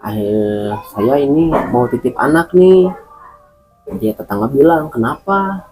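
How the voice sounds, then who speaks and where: Hesitant man telling his story, mellow voice. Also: mid-range voice, expressive, takes it slowly, soft background music, low-quality recording. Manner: hesitant, restarts and repeats words with many fillers. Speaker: interview guest. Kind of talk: recounting a personal experience.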